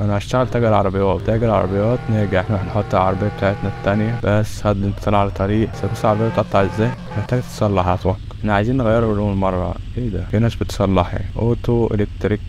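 A young gaming YouTuber with an Egyptian Arabic accent gives let's-play commentary on a car dealer game, joking and haggling with its customers. His voice is lowish and a little mellow, recorded dry.

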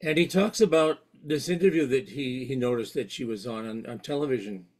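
A man giving an earnest, reflective faith talk at a parish session, reading quotations aloud with halting restarts. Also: medium pitch.

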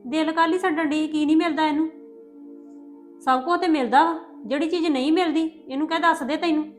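A woman's voice: sits high, steady tone, brisk, lightly acted. An actress playing a stern mother-in-law who scolds sharply. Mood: scolding. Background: music.

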